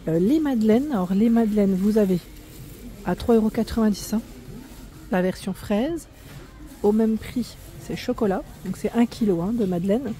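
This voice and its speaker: A woman walks the aisles of a discount food store with a handheld phone camera, listing prices and pack sizes in a chatty, easygoing way. Her voice sits at an ordinary middle pitch with a warm, mellow tone. She stops now and then to fix a price she misread. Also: moderate pace. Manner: chatty, reads out prices and weights, corrects herself. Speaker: vlogger showing store prices. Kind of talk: walk-through shopping vlog.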